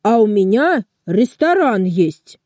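A woman voicing a proud, boastful railway station in a children's storybook, speaking slower and lower than her narration. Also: sing-song, darkish tone, no echo, studio quality.

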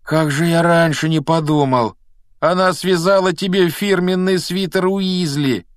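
A man voicing an excitable, easily awed boy wizard in a storybook reading, with high, breathless exclamations. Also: moderate pace, no echo, studio quality, natural voice. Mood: excited.

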